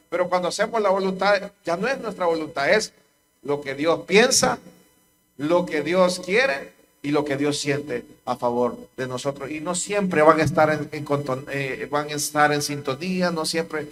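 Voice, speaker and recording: A pastor with a Honduran Spanish accent preaches a sermon to his congregation, his voice on the high side and fairly bright, with a little hiss or hum in the audio. He repeats key lines with emphasis.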